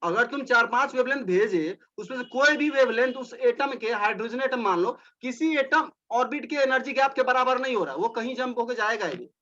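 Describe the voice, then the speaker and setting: High, bright-voiced man teaching a class. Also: expressive, fairly quick, hardly any pauses, dull audio. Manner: explanatory, repeats points, talks directly to students. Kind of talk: classroom lecture.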